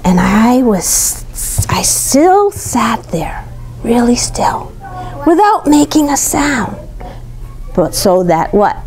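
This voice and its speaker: A woman whose voice sits on the high side reads slowly from a picture book to a young child. She's lively and expressive, phrasing things simply for the little one, explaining as she goes and frequently repeating and asking questions.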